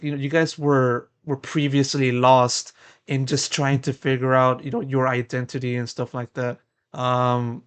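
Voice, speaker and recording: This esports interviewer is a young man whose medium-pitched voice sounds clear and resonant. His questions to the player wander on at length, packed with repeated words and one "you know" after another.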